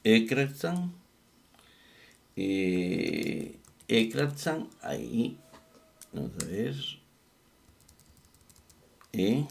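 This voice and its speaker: Slow gravelly man teaching Greek grammar. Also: on the low side, very animated. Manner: methodical, repeats and spells out terms, thinks aloud with fillers. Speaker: Bible exegesis teacher. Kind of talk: slow screen-share lesson on Greek grammar.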